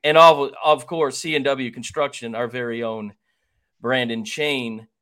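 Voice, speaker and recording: A man's voice: medium pitch, steady tone, a little slow, bright, forceful tone. A man hosting a sports podcast in a folksy, rambling way, with many fillers and restarts. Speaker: podcast host. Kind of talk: casual sports podcast chat.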